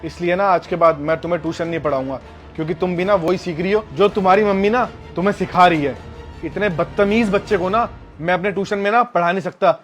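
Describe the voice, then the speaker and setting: In a short drama skit, a man plays a stern, moralizing tuition teacher who scolds and lectures a mother and daughter. His voice is high-pitched but close to everyday speech.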